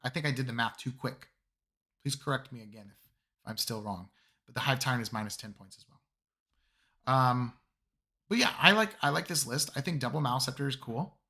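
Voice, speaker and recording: A man hosting a live stream, with a voice still raspy from a cold, chatting upbeat and casual with his viewers. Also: mid-range voice, moderate pace, long pauses, pushed and bright. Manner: upbeat, talks to chat. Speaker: streamer host.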